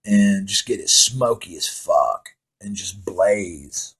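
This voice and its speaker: Speaking slowly but with animation, a middle-aged man with a low, gravelly, slightly raspy yet fairly bright voice rambles through a story. He swears nonstop, keeps things casual and plain, and occasionally laughs at what he's telling.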